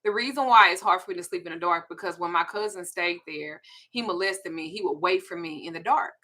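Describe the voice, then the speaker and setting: A woman's voice: fairly low pitch, brisk, pushed and bright. A woman in her forties with a Southern US accent, hosting a candid, profane, confiding casual chat. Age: 40s. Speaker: host.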